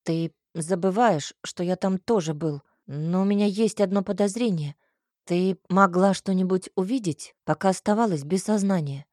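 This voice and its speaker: A woman reading an audiobook, voicing a blunt, sarcastic young man in a lowered, curt voice. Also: normal speed, darkish tone, dry recording, studio quality, lightly acted. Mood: probing.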